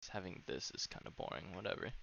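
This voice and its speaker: A young man co-hosting a casual podcast over a voice call on a wireless headset, loud and jokey. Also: sits low, big pitch swings, fast, creaky, crowd noise. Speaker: podcast co-host. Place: at home on a voice call. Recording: muffled voice-call audio, faint noise.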